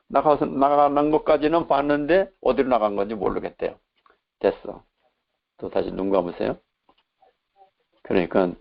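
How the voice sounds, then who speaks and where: Male pastor, sermon, animated storytelling, gravelly low voice, muffled lo-fi sound. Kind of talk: sermon with retold exorcism dialogue. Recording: dull lo-fi recording.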